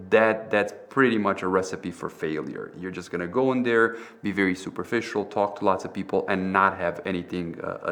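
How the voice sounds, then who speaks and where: A man's voice: fairly low pitch, a bit bright. A middle-aged man, a university professor from Romania who grew up partly in the US, explaining business strategy on a panel in a lecturing way. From Romania, raised partly in the US. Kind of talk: panel talk.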